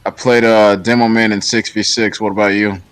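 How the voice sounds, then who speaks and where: A man's voice: fairly low pitch, flat delivery, a little fast, smooth, no room sound. A man joining a live stream as co-host, chatting in a laid-back, teasing way. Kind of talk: casual live-stream chat.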